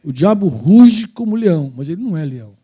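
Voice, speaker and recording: High-voiced Brazilian preacher telling a story. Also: male voice, a little fast, slightly rough. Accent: Brazilian Portuguese. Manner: animated storytelling, slangy and informal. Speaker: pastor. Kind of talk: sermon. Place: church.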